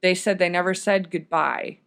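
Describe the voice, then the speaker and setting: A woman's voice: lowish voice, fairly even intonation, moderate pace, vocal fry, a bit bright, clean tone. Rambling woman telling a story. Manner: rambling, goes off on tangents. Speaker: podcast guest. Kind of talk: casual storytelling. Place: podcast studio.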